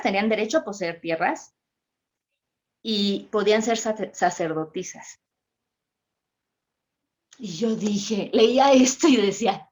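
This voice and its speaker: Mexican woman, higher voice, lively informal Bible talk for a women's group, acts out the quotes. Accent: Mexican Spanish. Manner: chatty and expressive, acting out quotes with sudden high exclamations. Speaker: speaker at a women's church meeting.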